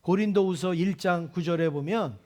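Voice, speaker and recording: A male pastor delivers a sermon with a notably high voice for a man. He preaches with emphasis, pressing rhetorical questions on his listeners. He is speaking in a church. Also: moderate pace, a little mellow. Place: church sanctuary.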